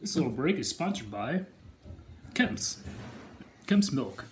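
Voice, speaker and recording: A man's voice: medium pitch, sing-song, slow pace, a little hiss or hum. A man speaking as an off-camera announcer, delivering a mock sponsor message in a commercial voice-over style.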